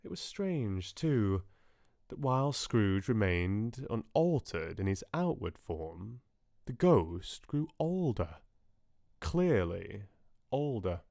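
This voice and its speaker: Casting: man for classic audiobook narration, dramatic and expressive, unhurried, in a very dry close recording. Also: fairly low pitch, gravelly, no echo. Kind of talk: scripted narration of classic literature.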